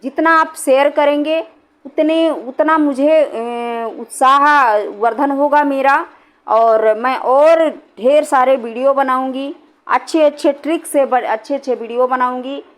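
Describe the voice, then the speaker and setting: A middle-aged woman teaching Hindi grammar in a classroom style, repeating points and often checking that students follow. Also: fairly high pitch. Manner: repetitive, checks understanding with "है ना".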